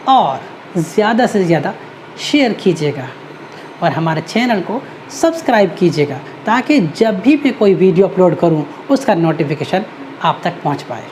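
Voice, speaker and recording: Woman grammar teacher, warm relaxed tone, patient, recaps each rule. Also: medium pitch, a little hiss or hum. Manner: patient, repeats each rule, asks herself questions. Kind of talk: explanatory video lesson.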